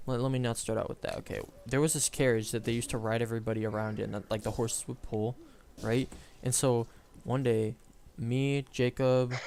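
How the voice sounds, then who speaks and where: A man's voice: fairly low pitch, a little mellow, clean tone. Rambling young man telling a story. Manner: rambling, many "like" fillers and self-corrections. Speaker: storytelling show co-host. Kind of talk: casual storytelling chat.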